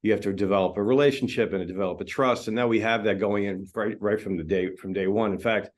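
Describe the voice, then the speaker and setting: A man with a voice on the low side speaks fast. He's a film editor chatting casually in an interview, relaxed and talkative, with lots of fillers and restarts.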